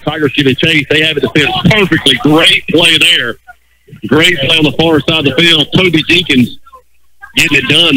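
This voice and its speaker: A man announcing a high school football game live on radio, calling the action in a rapid running commentary. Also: noisy background. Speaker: play-by-play announcer.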